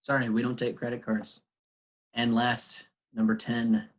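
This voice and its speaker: A man's voice: mid-range voice, completely flat delivery, a little slow. A man teaching an online English lesson, patiently explaining words with examples over a video call.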